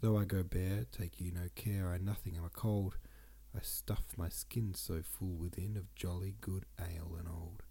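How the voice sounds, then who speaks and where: A man with a low, gravelly voice that carries a breathy edge reads old poems at a moderate pace with few pauses. He's a congested, sniffly podcast host who pairs the readings with relaxed, casual commentary.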